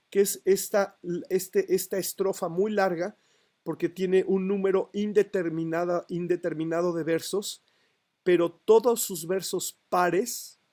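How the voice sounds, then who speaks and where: High-pitched with a darkish tone, this man teaches poetry in a university lecture. As a literature teacher, he counts out syllables aloud and makes sure the class is following.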